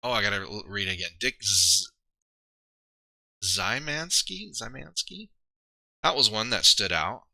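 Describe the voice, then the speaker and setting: Rambly streamer guy talking to chat, super bright punchy voice, dry close mic. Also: fairly low pitch, lively intonation, unhurried, vocal fry, pauses often, no room sound. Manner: rambling, self-deprecating, trails off and restarts. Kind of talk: casual live-stream commentary.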